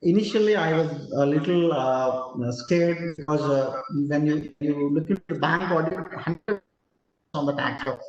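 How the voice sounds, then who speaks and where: A man presents over a video call, his voice distorted and breaking up from a weak connection. He speaks haltingly, full of filler sounds, in a slightly high voice. The sound is dull and roomy. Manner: hesitant, many filler sounds. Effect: distorted, breaking-up audio from a weak internet connection. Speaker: guest presenter. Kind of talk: online seminar talk.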